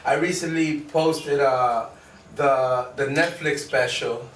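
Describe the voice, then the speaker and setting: Guy on a podcast, pauses and says um a lot, sounds far from the mic, echoey room. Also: mid-range voice, fairly even intonation, fairly bright tone. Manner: halting, with frequent ums and restarts. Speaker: comedian guest. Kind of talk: casual podcast interview. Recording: roomy, distant mic with faint noise.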